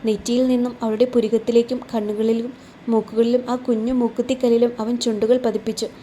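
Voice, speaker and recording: A woman's voice: a little high, little pitch movement, quick pace, mellow, slight background noise. A woman storyteller narrating a romance story, reading every character in her own voice.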